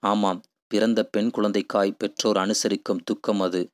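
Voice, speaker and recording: A man's voice: fairly low pitch, level tone, moderate pace, no room sound, lightly acted. A man voicing weary hill villagers who speak plainly and ask questions. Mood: wondering.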